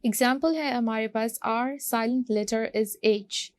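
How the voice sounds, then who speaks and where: A woman's voice: fairly high pitch, dry recording. A woman teacher explaining an English vocabulary lesson, switching between Hindi and English and going through the words one by one. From Pakistan. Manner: slow, explains word by word.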